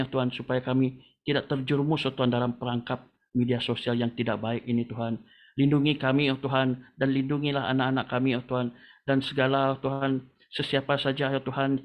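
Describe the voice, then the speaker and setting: A man leading a congregation in a long spoken prayer, calling on the Lord after nearly every phrase. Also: medium pitch. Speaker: prayer leader. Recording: tinny phone-like line.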